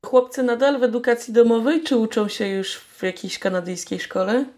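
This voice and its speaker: A woman interviewing a guest, asking brief, calm questions. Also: a little high, brisk.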